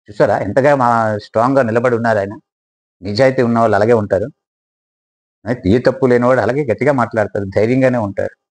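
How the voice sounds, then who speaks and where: A man's voice: on the high side, rough recording. A man with a Telugu accent giving a political analysis monologue, full of rhetorical questions and hesitant fillers. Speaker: political commentator.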